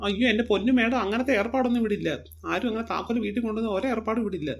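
A woman voicing a grumbling, peevish male zoo worker in a cartoon, with a husky voice. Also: a little high, racing. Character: grumpy lazy male zoo worker, adult. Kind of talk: cartoon voice acting.

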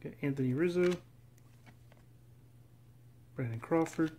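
A man casually narrating as he opens packs of trading cards, reading off names in a steady, relaxed list. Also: a little high, slow, a little hiss or hum. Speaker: card collector opening packs. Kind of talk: casual running commentary. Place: indoors at a table.

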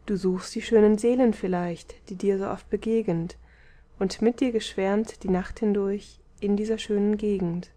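A woman voicing a stately, motherly city goddess in an audiobook, with a measured, gently reproachful delivery. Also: medium pitch, natural voice. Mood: wistful. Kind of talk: audiobook character reading.

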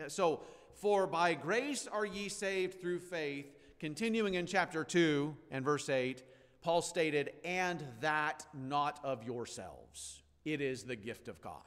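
Slow-preaching pastor in a reverberant hall. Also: male voice, a little high. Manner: emphatic preaching, swinging from loud declarations to quiet drops. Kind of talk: expository sermon. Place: church sanctuary.

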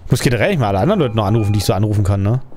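A man narrates his own video game session in a loose, thinking-aloud way. He wanders between thoughts and often ends with a questioning tag. Quiet game music plays faintly behind his voice. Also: fairly low pitch, lively intonation, rapid-fire. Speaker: let's play gamer. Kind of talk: casual gameplay commentary.

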